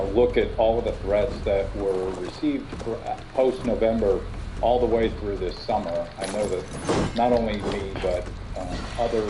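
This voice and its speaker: A man interviewed on the news as an elections official, answering in a measured way with hesitations. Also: low voice. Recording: noisy news clip playback.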